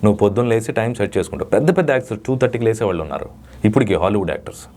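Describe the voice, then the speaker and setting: Emphatic dubbing artist, low voice. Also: male voice, expressive, racing. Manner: emphatic, lecturing, with sudden loud rises. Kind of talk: interview answers.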